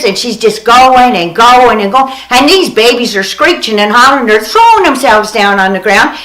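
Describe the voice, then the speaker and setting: A woman's voice: high-pitched, bright, forceful tone. An older woman telling a story and ranting bluntly to her viewers, swearing freely and scolding. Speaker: vlogger. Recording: echoey room.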